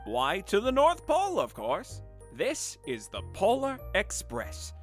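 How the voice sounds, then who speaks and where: A man voicing a cheery, cheeky male train conductor in a comedic parody reading, with loud theatrical calls. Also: huge pitch swings, slow pace, soft background music, exaggerated voice. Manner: shouted, high, theatrical calls.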